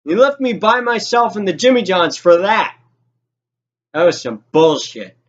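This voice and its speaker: In a sing-song, high-sitting voice, a young man unhurriedly recounts a personal anecdote, swearing, sounding exasperated, and voicing what others said. The sound quality is lo-fi.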